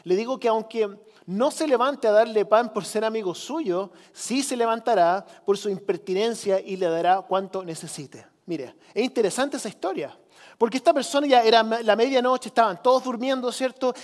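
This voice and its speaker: A man's voice: sits high, moderate pace, in a large hall. A man preaching a sermon as pastor, earnest and urging, acting out the voices in the stories he tells.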